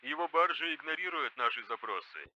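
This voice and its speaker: A man voicing a male comms officer giving a quiet, formal report over the vox. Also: a little high, lively intonation, a little fast, no echo, highs cut off. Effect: radio.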